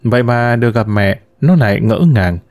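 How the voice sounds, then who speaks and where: A man narrating an audio story in a scripted, expressive, dramatic storytelling manner. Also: medium pitch, normal speed, no echo, studio quality.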